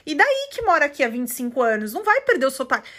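A woman from Brazil hosting a podcast, telling a story in a casual, animated and indignant way and acting out the quotes. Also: high-pitched, fast talker. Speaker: podcast host. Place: living in the United States.

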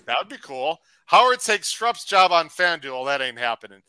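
A man hosting a live racing podcast, chatty and upbeat, reading out shout-outs to viewers. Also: on the high side, very animated, normal speed, clean tone, no room sound, poor audio. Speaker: podcast host. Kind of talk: casual live-stream chat.

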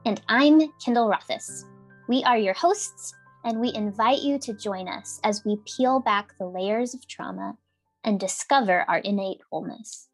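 A woman's voice: mid-range voice, measured pace, faint music behind, rough recording. A woman podcast co-host reading scripted sponsor and introduction copy.

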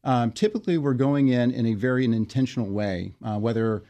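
A man being interviewed as a guest, explaining his work in a measured way with frequent fillers and restarts. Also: medium pitch, warm tone, highs cut off. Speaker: interview guest, financial wellness company leader. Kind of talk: conversational interview.

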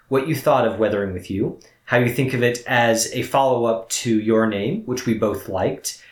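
A man co-hosting a film review podcast, speaking in a measured, lightly joking way. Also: mid-range voice, roomy sound. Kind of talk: casual podcast chat.

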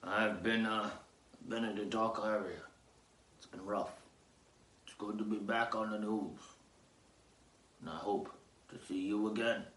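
A man's voice: fairly low pitch, steady tone, fairly bright tone, roomy sound. A man hosting a comic news bit, reading strange headlines and muttering sarcastic asides as he goes. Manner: slow rambling delivery with muttered sarcastic asides. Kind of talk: offbeat comedic news reading.

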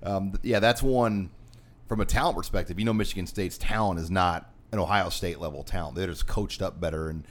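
A man's voice: low-pitched, brisk. An American man hosting a sports talk show, counting down a ranked list of players in conversation.

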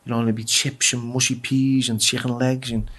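An English man appears as a guest in a casual interview, telling raw prison stories. His mid-range voice is brisk and fairly bright with a level tone, and he swears freely while stammering and repeating words.

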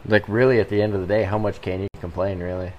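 American man, low-pitched voice, podcast guest, casual conversational delivery. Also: flat delivery, fast, lo-fi sound, a little hiss or hum. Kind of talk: casual chat.

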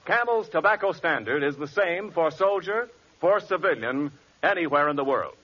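A man's voice: fairly high pitch, expressive, moderate pace. A man reading a radio advertisement in an earnest, polished announcer style. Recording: dull vintage radio broadcast.

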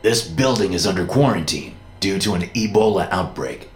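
A man's voice: deep voice, expressive, moderate pace. A stern officer, as a narrator plays him barks clipped orders, and his voice climbs and falls with force. The sound has a roomy echo. It is a storybook voice for a cold enforcer. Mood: commanding. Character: stern male security officer.

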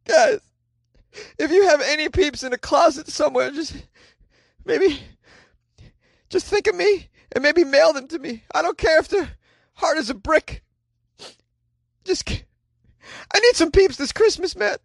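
A man's voice: extremely high pitch, animated, a little slow, creaky, pauses often, no room sound, clean studio sound, pitched above the performer's own voice, full character voice. A man playing a melodramatic, grief-stricken man, whiny and pleading, in a comedy podcast bit. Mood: desperate pleading.

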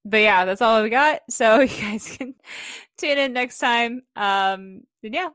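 A woman's voice: a little high, measured pace, a bit bright, smooth, no echo, studio quality. A woman co-hosting a podcast in casual chat, laughing often and swearing casually. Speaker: podcast co-host.

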